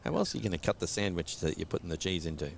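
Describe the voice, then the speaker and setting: Guy calling a local cricket game, low-ish voice, jokey and teasing, bit of background noise. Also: sing-song, rapid-fire, creaky. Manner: joking, teasing banter. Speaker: cricket commentator. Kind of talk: casual live sports commentary.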